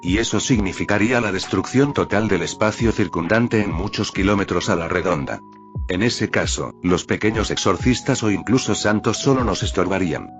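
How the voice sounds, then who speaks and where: A man calmly reading a first-person fan fiction story aloud as narrator. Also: low voice, normal speed. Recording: dull lo-fi audio with faint music.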